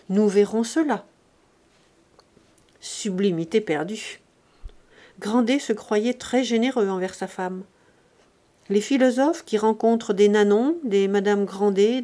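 A woman narrates a classic novel as an audiobook. Her reading is steady and measured. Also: mid-range voice. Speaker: audiobook reader.

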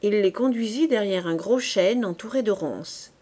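A woman narrating a classic novel in a measured, clear storytelling manner. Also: mid-range voice, warm tone. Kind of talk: reading a classic novel aloud.

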